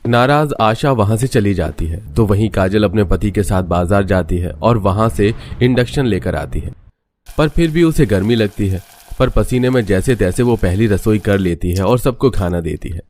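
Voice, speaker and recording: A man narrating a cartoon story in a steady, scripted storytelling voice. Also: fairly low pitch, moderate pace, slight background noise.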